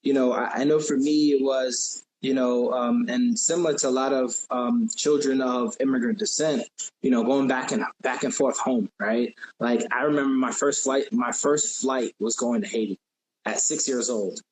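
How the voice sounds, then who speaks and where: A man's voice: medium pitch, steady tone, normal speed, darkish tone, poor audio. A man hosting a casual interview, easygoing and chatty, often repeating his words. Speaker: podcast host. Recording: faint background noise.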